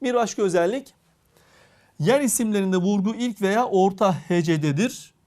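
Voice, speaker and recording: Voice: medium pitch, a little mellow. A teacher giving a recorded grammar lesson, speaking to the class directly and drawing out each example word. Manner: deliberate, drawn-out reading of example words.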